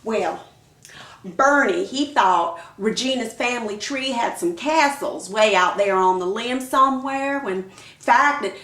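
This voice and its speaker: A woman's voice: on the high side, measured pace, fairly bright tone. An actress playing a nosy, catty neighbor woman who gossips with mock sympathy. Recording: echoey room.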